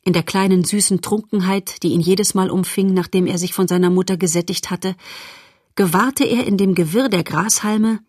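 Calm woman narrator for a storybook, husky voice, dry recording. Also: medium pitch, normal speed, no echo. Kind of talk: storybook reading.

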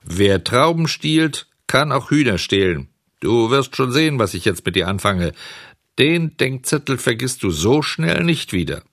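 A man's voice: mid-range voice, sing-song, measured pace, fairly bright tone, no echo, clean studio sound, voice pushed up, exaggerated voice. A man voicing an angry, stern farmer in a storybook reading, harsh and threatening. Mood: scolding.

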